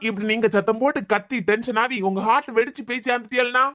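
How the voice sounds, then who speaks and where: A woman's voice: on the high side, fairly even intonation, fast, fairly bright tone, lightly acted. A woman with a Kanyakumari Tamil accent voicing a cheeky young man who teases and jokes in a cartoon series. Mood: teasing. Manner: teasing, wisecracking. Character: joking young man, cheeky debt-ridden student. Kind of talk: cartoon web series dialogue.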